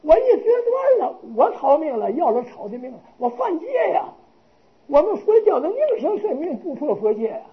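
A man's voice: very high-pitched, sing-song, moderate pace, muffled recording, pitched above the performer's own voice, heavily acted. A man voicing a poor, meek monk who pleads earnestly. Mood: pleading.

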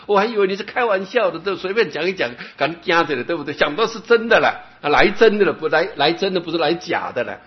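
Brief: man doing a sobbing male disciple, pitched way up, lo-fi tape sound. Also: animated, fast, few pauses, lightly acted. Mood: wailing grief. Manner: wailing, high-pitched lament. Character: grief-stricken male disciple wailing for his master. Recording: dull lo-fi recording.

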